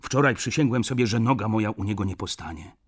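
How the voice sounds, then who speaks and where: A man's voice: on the low side, animated, fast, husky. A man reading an audiobook, voicing a hot-tempered, romantic shopkeeper who bursts out indignantly. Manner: indignant, shouting outbursts.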